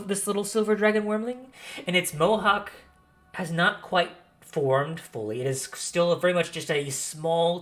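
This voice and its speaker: With music playing behind him, a man whose voice sits on the high side and sounds a bit bright runs a tabletop fantasy game as game master. He improvises the narration, often repeating and rephrasing his descriptions.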